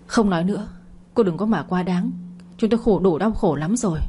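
A woman's voice: medium pitch, fairly quick, mellow, a little hiss or hum, natural voice. A woman voicing a scheming, greedy middle-aged husband who blusters and gets defensive, in a storybook narration. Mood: indignant.

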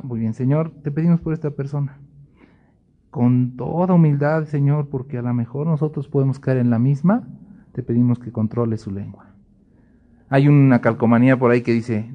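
Male Bible teacher, sermon delivery, animated, slips into voices for little scenes, mid pitch. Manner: lively, acts out little dialogues in other voices.

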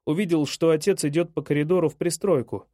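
A man narrating a first-person audiobook in a measured, even way. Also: a little high, no room sound, clean studio sound.

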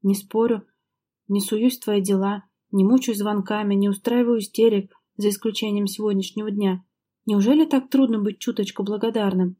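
A heated, jealous young wife snaps out accusations, her voice climbing and sharpening as she presses her husband, voiced by a woman reading an audiobook. The tone stays mellow and warm underneath, even at full volume. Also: mid-range voice, moderate pace, lightly acted. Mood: pleading. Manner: reproachful, sharp, raised voice.

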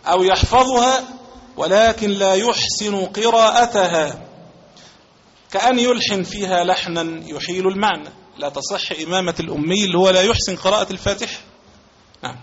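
A man's voice: high voice, a little hiss or hum. A man with an Egyptian accent teaching a religious lesson. He reads passages aloud from a legal text and then explains them, repeating key phrases and giving examples. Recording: dull lo-fi recording.

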